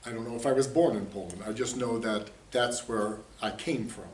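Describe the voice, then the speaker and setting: A man's voice: on the low side, normal speed, a little mellow. A man in his sixties, raised in the United States, answering interview questions in an easygoing, rambling way with chuckles. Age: 60s. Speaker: interviewee, community theater director. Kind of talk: casual interview talk. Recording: roomy echo, distant mic, faint hiss.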